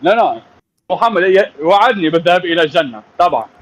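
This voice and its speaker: A man with a Tunisian Arabic accent calls in, his voice pitched high for a man. He talks quickly and hesitantly, tripping over the formal words. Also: lively intonation, lo-fi sound. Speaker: caller on a live debate stream. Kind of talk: casual call-in chat.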